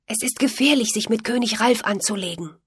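A woman's voice: on the high side, brisk, slightly rough, no room sound, studio quality, pitched above the performer's own voice. A woman voicing an earnest, worried young stable boy who stammers and pleads. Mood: pleading.

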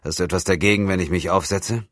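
A man voicing a polite, puzzled grown man who is being held captive, speaking in a courteous, measured way. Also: low-pitched, fairly even intonation, a bit bright, no room sound, clean studio sound.

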